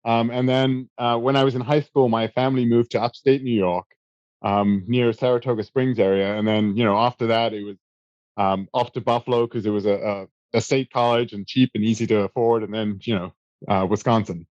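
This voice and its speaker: In a casual interview, a South African man in his thirties answers as a guest at a fairly quick pace, recounting his past with relaxed self-deprecation and lots of fillers and little restarts. His mid-pitched voice is captured close in a dry room with no room sound, and the audio is lo-fi.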